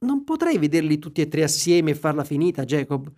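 A trembling old miser stammers out his pleas, soft and shaken, as a man puts him on. The voice stays fairly high for a man. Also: sing-song, brisk. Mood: pleading. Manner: stammering, pleading.

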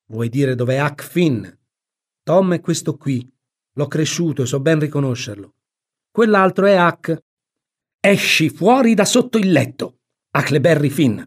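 A man's voice: a little high, animated, unhurried, voice pushed up. A man voicing a stern, no-nonsense storybook aunt, commanding and reproachful. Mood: stern, angry.

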